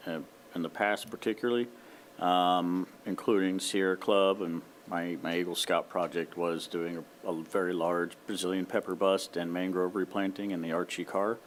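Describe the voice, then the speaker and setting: A man's voice: deep voice, little pitch movement, normal speed, slight background noise. A man from Florida, a committee member, introducing himself at a meeting in a plain-spoken, casual way.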